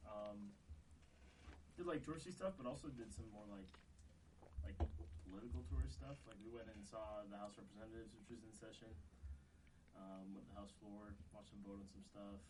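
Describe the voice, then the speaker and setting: Young dude guest, talks fast, easy chatty storytelling. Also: male voice, lowish voice, background noise. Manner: easygoing storytelling, quick and chatty. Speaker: podcast guest. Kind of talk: casual chat.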